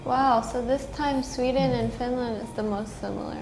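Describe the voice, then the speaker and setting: An American woman hosting a casual chat comparing words across languages, curious and quick to laugh. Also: on the high side, steady tone, vocal fry, a little mellow. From United States. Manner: giggly and curious. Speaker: host. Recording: echoey room with music behind.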